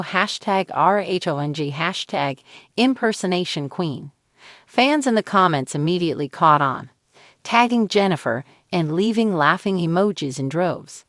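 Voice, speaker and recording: A woman with a lowish voice reads a scripted celebrity news story. Her delivery stays even, and she reads the quoted lines without acting them. The recording is dry and close, with no room sound. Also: no room sound. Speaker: entertainment news narrator. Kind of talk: scripted narration.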